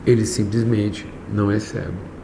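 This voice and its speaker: Gravelly man preaching slowly and emphatically. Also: fairly low pitch, steady tone. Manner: slow and emphatic, swings from raised to hushed. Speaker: pastor teaching a class. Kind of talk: sermon. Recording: echoey room, faint background noise.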